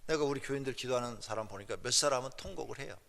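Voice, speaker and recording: A man preaching a sermon as a pastor, swinging between quiet asides and loud, urging exhortation. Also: mid-range voice, rapid-fire, gravelly, long reverb tail. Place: church sanctuary.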